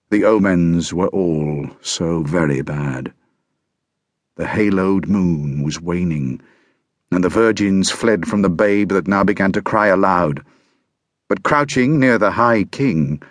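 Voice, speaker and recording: A man narrating a historical novel audiobook in a measured, grave first-person storytelling manner. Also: fairly low pitch, dry recording.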